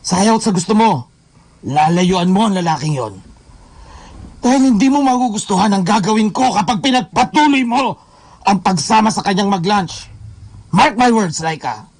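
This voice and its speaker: A man's voice: lowish voice, moderate pace, long pauses, warm tone, breathy edge. A man playing a jealous, controlling married lover in a radio drama, with music behind him. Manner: controlling, turns sweet and pleading.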